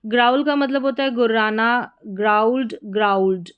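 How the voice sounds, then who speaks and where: A woman teaching English verb forms, reading word lists in a steady, drilled rhythm. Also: on the high side, moderate pace, clear, resonant tone, lo-fi sound. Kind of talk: vocabulary lesson recitation.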